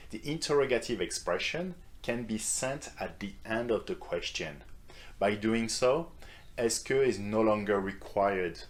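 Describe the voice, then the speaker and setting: Man, low voice, language teacher, patient step-by-step explanations, models phrases to repeat. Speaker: French teacher. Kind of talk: online language lesson.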